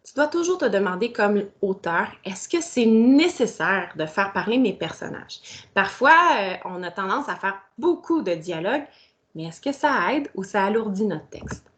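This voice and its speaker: A woman's voice: mid-range voice, lively intonation, moderate pace. Patient teacher woman. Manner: patient, explaining step by step, speaking directly to the pupil. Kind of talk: recorded grammar lesson for children.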